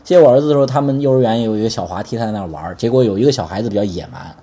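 A man preaching a conversational sermon, lively and constantly asking the congregation to answer back. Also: on the low side, very fast, slightly rough.

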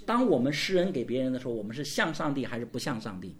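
A man's voice: mid-range voice, sing-song, fast, slight background noise. A man preaching a sermon as pastor, calling for responses and asking his listeners rhetorical questions.

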